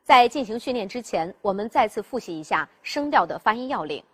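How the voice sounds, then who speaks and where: A woman teaches pronunciation in classroom style, explaining step by step, asking the class rhetorical questions and voicing the sounds herself to demonstrate. Her mid-range voice is animated and a little fast, with a fairly bright tone and a breathy edge.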